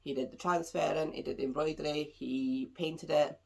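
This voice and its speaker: A woman with a low, gravelly voice keeps a steady tone and moderate pace as she hosts a craft podcast at home. She's congested and slightly nasal from a cold, and the casual conversation drifts a little.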